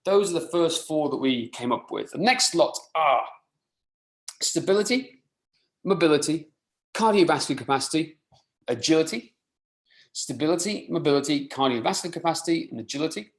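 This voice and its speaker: In echoing, roomy webinar audio, a male fitness coach from rural mid Wales gives an animated, informal live presentation at a moderate pace. His voice sits on the high side, and Welsh is his first language.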